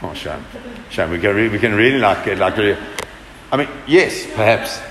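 A man's voice: on the low side, animated, normal speed, fairly bright tone, a little hiss or hum. Man teaching a Torah class in an echoey room. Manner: questioning, rhetorical, emphatic. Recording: echoey room with long reverb.

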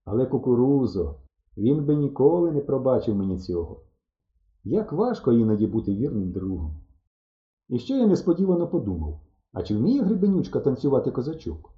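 A man reading a children's adventure story aloud with animated, boyish expression. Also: mid-range voice, fairly quick. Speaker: audiobook narrator. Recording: dull, roomy lo-fi recording.

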